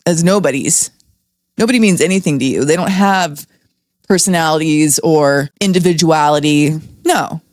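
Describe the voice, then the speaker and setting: A woman talks through a true crime reaction in a casual, blunt way, dropping sarcastic jabs between fillers. Her voice sits in an ordinary middle register. It is recorded close up in a very dry space with no room echo. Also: medium pitch. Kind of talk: reaction commentary, reading aloud and remarking.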